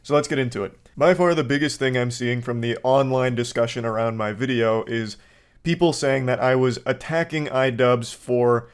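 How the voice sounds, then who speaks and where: A man's voice: medium pitch, steady tone, moderate pace, clean tone. Man, late twenties, YouTuber, blunt and emphatic commentary with casual swearing. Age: 20s. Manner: candid, profane and emphatic.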